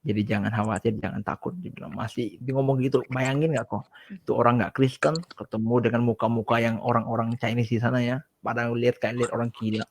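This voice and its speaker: Gravelly-voiced man telling a testimony. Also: mid-range voice, fast, slight background noise. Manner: relaxed, chatty, reenacts his own prayers and dialogue. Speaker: guest giving a testimony. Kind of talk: casual storytelling testimony.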